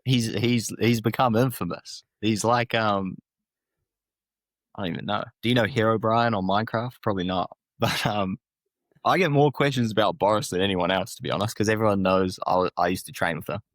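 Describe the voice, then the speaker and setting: A young man with a New Zealand accent and a low, deep voice, chatting as a podcast guest. He tells stories in a laid-back way, swears freely and laughs often. The sound is dry and close, with no room echo. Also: fairly quick. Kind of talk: casual chat.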